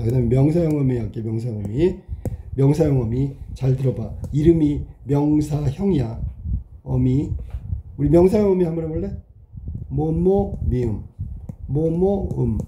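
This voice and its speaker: Quizzing male teacher with a dark voice. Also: fairly high pitch, slight background noise. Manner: questioning, checks understanding often. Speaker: Korean language teacher. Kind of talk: classroom lecture, explaining while writing.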